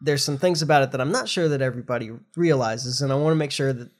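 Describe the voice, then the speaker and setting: A middle-aged man, nasal and congested after the flu, hosts a podcast as a fast talker with a medium-pitched voice. The conversation is relaxed, with the news explained informally.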